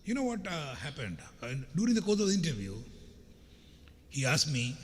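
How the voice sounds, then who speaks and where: With a slightly high voice whose pitch swoops wildly, a middle-aged man from India speaks at normal speed in a scratchy voice. He gives a motivational keynote that is chatty, anecdotal and full of jokes, talking directly to the audience, recorded with long hall reverb and faint background noise.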